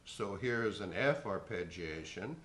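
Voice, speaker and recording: A man giving a spoken vocal lesson in a slow, measured, instructive way. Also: low voice, expressive, fairly bright tone, a little hiss or hum. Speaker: voice teacher. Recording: echoey room.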